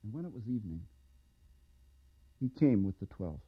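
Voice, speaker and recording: A man giving a slow, expressive scripture reading. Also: husky, no echo, narrow, tinny audio. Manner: slow expressive reading with wide pitch swings. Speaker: reader.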